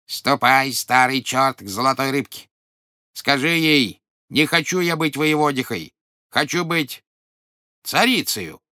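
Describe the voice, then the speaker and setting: A man's voice: medium pitch, expressive, measured pace, pushed and bright, no echo, studio quality. A man voicing a greedy, domineering old peasant woman who screeches and scolds. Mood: commanding.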